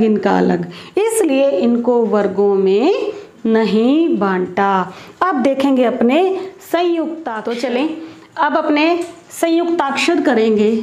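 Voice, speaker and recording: A woman's voice: high-pitched, a little mellow, reverberant. A woman teacher giving a grammar lesson, explaining patiently and putting questions to her pupils.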